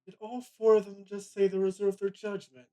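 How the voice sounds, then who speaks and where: A man's voice: high voice, little pitch movement, moderate pace, dark tone. Blunt swearing male streamer. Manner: profane, blunt, joking. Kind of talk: casual gameplay commentary. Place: home streaming setup.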